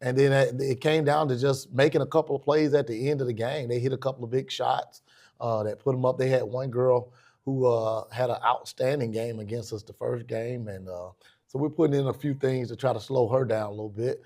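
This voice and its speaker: A man's voice: medium pitch, steady tone, brisk, warm tone. An American man, a basketball coach, answering casually in a sports interview and repeating phrases as he thinks.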